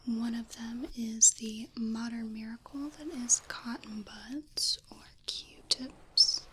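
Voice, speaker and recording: Slow whispered role-play by a soft-voiced woman. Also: on the high side, steady tone, a little hiss or hum, poor audio. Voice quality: soft breathy whisper, mostly unvoiced. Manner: gentle, unhurried, reassuring explaining. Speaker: ASMR performer playing an ear-exam clinician.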